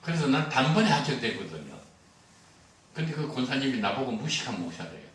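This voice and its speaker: A man's voice: mid-range voice, sing-song, a little fast, a bit bright, slight background noise. An older man preaching a sermon as a pastor, telling stories with humor and acting out the dialogue. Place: church sanctuary. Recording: roomy echo, heard from a distance.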